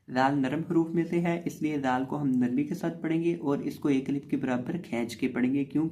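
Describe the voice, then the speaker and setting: A man teaching a recorded Quran reading lesson, patiently explaining tajweed rules and spelling out letters before reciting words slowly and drawn out. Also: mid-range voice, darkish tone.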